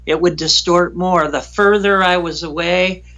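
A man guest recounting a frightening personal story in an emotional, halting way, often repeating himself. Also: sits high, fairly even intonation, pushed and bright.

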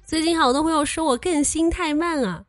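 A woman's voice: high-pitched, fairly quick, over loud music. A young woman hosting a comedy podcast, telling jokes and anecdotes in a teasing, playful way and acting out the people in them. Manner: teasing, animated, acts out quoted voices. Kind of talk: playful comic storytelling.

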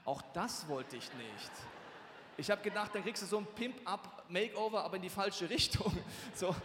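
A man preaching a humorous sermon, telling a personal story in an animated way and acting out the scenes, sometimes shouting. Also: sits high, moderate pace, big-room sound, background noise.

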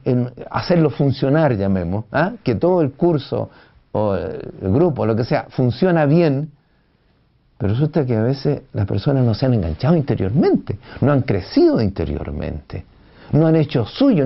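A man giving an unhurried classroom lecture on education, often pausing with "eh" and tag questions. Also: mid-range voice, very animated, vocal fry. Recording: dull lo-fi recording.

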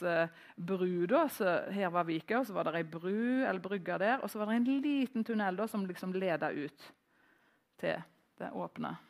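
Middle-aged norwegian woman giving a sermon in church, chatty storytelling, a bit of gravel in her voice. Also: medium pitch. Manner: conversational, storytelling with pauses and fillers. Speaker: preacher.

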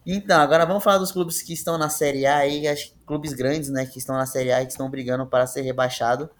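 A man's voice: mid-range voice, flat delivery, fast talker. A man with a Brazilian Portuguese accent hosting a football talk, chatting informally and with plenty of slang, as if among friends. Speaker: football podcast host. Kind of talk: casual chat among friends.

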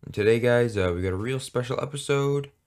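A man's voice: mid-range voice, brisk, darkish tone. A man co-hosting a casual music podcast, talking in a rambling, hesitant, jokey way with many fillers. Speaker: podcast co-host. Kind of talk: casual chat.

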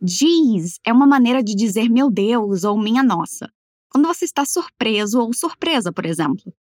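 Uma mulher dando aula de inglês em português, falando devagar e articulando as frases com cuidado para o aluno repetir. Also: female voice, a little high, animated, a little mellow, dry recording, clean studio sound. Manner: slow, careful over-articulated model phrases. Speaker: English teacher. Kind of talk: language lesson, repeat-after-me drills.

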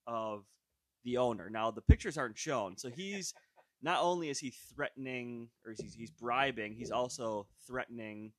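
A man's voice: medium pitch, moderate pace, dry recording, studio quality. Hesitant man recapping, full of "like". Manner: recapping a film, filled with "like" and hesitations. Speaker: podcast co-host. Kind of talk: casual chat.

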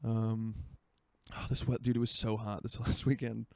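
A man's voice: lowish voice, flat delivery, moderate pace, gravelly, darkish tone, dry recording. A man in his twenties from Florida, hosting a solo podcast in rambling, self-mocking casual chat from his home by a marina. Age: 20s. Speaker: podcast host.

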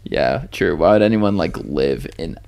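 A man's voice: deep voice, lively intonation, a little slow, gravelly, a little mellow, clear, resonant tone. Blunt, laughing young man. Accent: Pacific Northwest. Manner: blunt, profane, laughs often. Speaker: podcast co-host. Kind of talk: casual chat.

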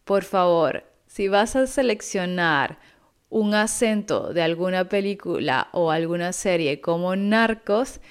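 A woman giving an online Spanish lesson in a clear, patient, instructive way. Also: lowish voice, lively intonation, slow pace. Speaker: Spanish teacher.

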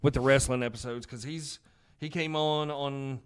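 A man with a Southern US accent chats casually as a podcast co-host. His voice sits at an average pitch, and he talks in a joking, self-deprecating way. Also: steady tone, normal speed, clean tone.

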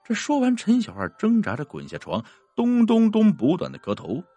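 A male storyteller narrating a ghost tale with very lively, swooping pitch. His voice is a little husky and recorded close and dry, with faint music underneath. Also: normal speed, no room sound. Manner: vivid and animated.

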